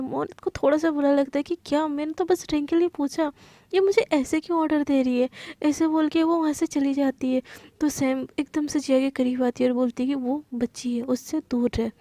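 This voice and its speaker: Chatty lady telling a love story, high voice, mellow tone, dry close sound. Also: fairly even intonation, a little fast, no echo. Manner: chatty, mixes English words, filler "na". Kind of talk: casual story narration.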